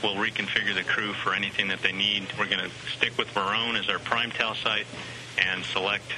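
A man's voice: lowish voice, little pitch movement, a little fast, background noise. A man working as a flight controller, talking procedurally over a mission control radio loop.

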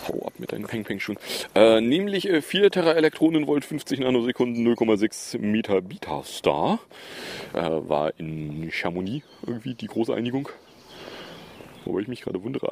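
A man's voice: medium pitch, big pitch swings, moderate pace, gravelly, a little mellow. A man hosting a podcast, running through recent news in a casual, sarcastic way with lots of fillers and asides. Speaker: podcast host. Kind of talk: casual news review chat.

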